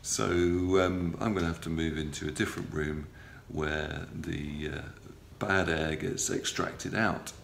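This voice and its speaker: A middle-aged patient vlogger records a casual video diary in a small hospital room, his very deep, gravelly voice steady in tone and a bit bright. He's stuffy from a cold and talks haltingly and matter-of-factly, often pausing on ums and uhs. A phone or camera held close and facing him captures roomy sound with a faint background hum.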